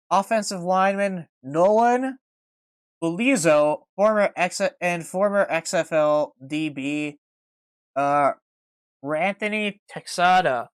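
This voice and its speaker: Smooth-voiced man hosting. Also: high-pitched, dry recording. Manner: reads news items then riffs on them. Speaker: podcast host. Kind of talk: casual sports podcast chat.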